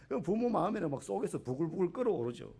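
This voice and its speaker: A man's voice: sits high, sing-song, racing, gravelly, warm tone, slightly rough. A man preaching a sermon as a pastor in a church, talking in a conversational way, asking the congregation questions and acting out quotes.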